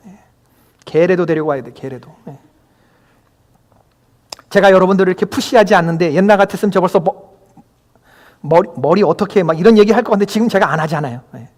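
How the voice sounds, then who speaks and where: A man's voice: sits high, fast, long pauses, a little mellow. A male pastor preaching a Sunday sermon in a church, emphatic and often putting questions to the congregation. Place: church sanctuary. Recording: long hall reverb.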